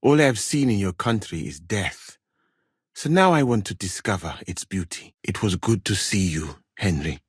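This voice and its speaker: An actor playing a courteous, dryly witty medieval scholar and physician from Mali in a video game, speaking in formal, measured, precise words. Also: male voice, deep voice, expressive, breathy edge, no echo, studio quality. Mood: warm, hopeful. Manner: formal, measured, precise wording without contractions. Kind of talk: video game character dialogue.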